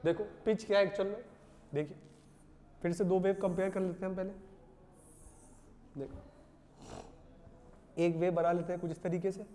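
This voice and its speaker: A male physics teacher lectures a class, asking rhetorical questions and then answering them himself. His voice is mellow and dark. It rings with a long reverb, as if in a large hall. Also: sits high, level tone, moderate pace, pauses often, a little hiss or hum. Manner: asks rhetorical questions and repeats answers, calls students "beta".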